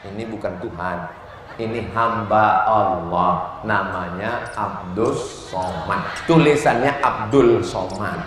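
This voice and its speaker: Man preaching over a booming hall echo. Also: takes it slowly, fairly bright tone. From Indonesia. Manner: call-and-response questions, chanted Arabic phrases, joking asides. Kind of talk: lively sermon to a crowd. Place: large outdoor religious gathering. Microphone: loud sound system. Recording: very echoey, reverberant, slight noise.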